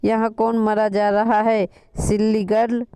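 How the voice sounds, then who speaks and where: A woman's voice: medium pitch, flat delivery, unhurried, warm tone, clean tone, no echo, close to an everyday voice. A woman voicing a young man who pokes fun at his sister with playful jabs. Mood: mocking. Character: young man, teasing cousin-brother.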